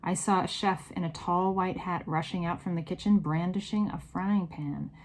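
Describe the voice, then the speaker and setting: A woman reading a children's novel aloud in an expressive, varied storytelling manner. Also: on the low side, moderate pace, poor audio. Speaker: read-aloud narrator.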